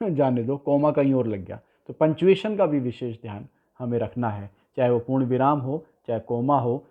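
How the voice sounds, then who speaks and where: A man giving a spoken poetry lesson who explains patiently and slowly repeats example lines word by word. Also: medium pitch. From India. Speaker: poetry teacher. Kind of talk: spoken lesson on ghazal writing. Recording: tinny phone-like sound.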